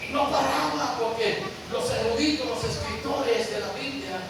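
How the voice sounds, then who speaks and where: Fiery high-voiced preacher, echoey hall. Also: male voice, moderate pace. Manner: impassioned preaching, often shouting, acting out the scripture scenes. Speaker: pastor. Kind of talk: sermon. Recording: echoey room, mic far off, background noise.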